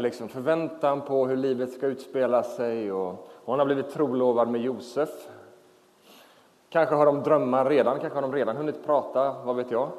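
A man in his thirties preaching a relaxed, chatty sermon full of fillers, to a congregation in a church. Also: mid-range voice. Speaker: pastor. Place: church hall. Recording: reverberant church hall.

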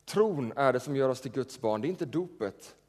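Long church reverb surrounds this male pastor as he preaches in a church sanctuary, chatting conversationally and regularly questioning the congregation. His voice is mid-range, expressive, and a little mellow.

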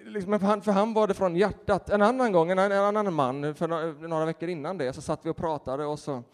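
A man who is a pastor, preaching a sermon and telling stories in a lively way with acted-out quotes. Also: high voice. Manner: animated storytelling with laughter and acted-out quotes. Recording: reverberant hall.

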